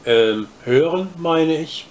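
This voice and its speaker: A man reading aloud and voicing a prim, superior female porcelain cat that speaks slowly and condescendingly. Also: fairly high pitch, lively intonation, pitched above the performer's own voice. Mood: haughty.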